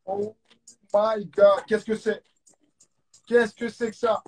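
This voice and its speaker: Husky man with a French accent, fairly high voice, hyped live-stream host, repeats catchphrases. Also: level tone, slow pace. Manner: hyped, repeats catchphrases, mixes English exclamations. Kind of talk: casual live-stream hosting with quiz games. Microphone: phone or webcam on a live stream.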